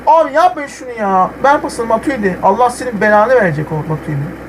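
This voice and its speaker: A young man playing a football video game, commenting live and swinging from muttering to yelling at the players. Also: very high-pitched, expressive, fairly quick, a little hiss or hum, rough recording. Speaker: gamer.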